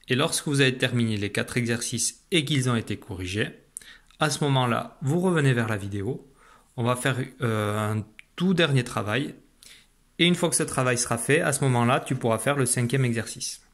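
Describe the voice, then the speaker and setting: A man teaching young children a phonics lesson, saying each sound slowly and carefully. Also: mid-range voice, animated, fairly bright tone. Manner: slow, careful, stretched-out pronunciation of sounds. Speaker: primary school teacher.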